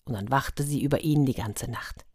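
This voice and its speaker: A woman reads a fairy tale with a lively, expressive delivery. Her voice is low for a woman and deep in tone. The recording is close and dry. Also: moderate pace, husky, no room sound. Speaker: storyteller.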